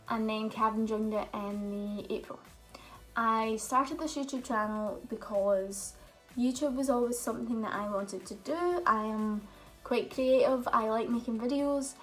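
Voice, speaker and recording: A young woman vlogger chats openly in a casual Q&A, telling stories and using lots of fillers. Her voice is a little high, and the recording sounds rough.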